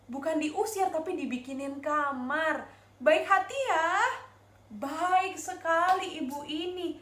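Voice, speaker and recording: Teaching Sunday school, a woman with an Indonesian accent tells young children a story in an animated, sing-song way and asks them questions. Her voice sits high, and the room is echoey.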